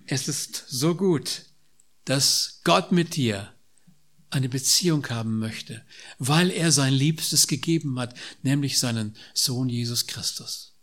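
A man in his sixties preaching a sermon, repeating key phrases and swinging from loud emphatic lines to soft, dropped endings. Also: mid-range voice, slow pace.

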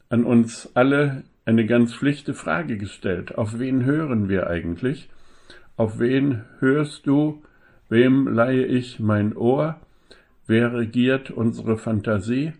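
A man preaching a sermon, speaking slowly and with emphasis and asking the listeners rhetorical questions. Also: medium pitch, darkish tone.

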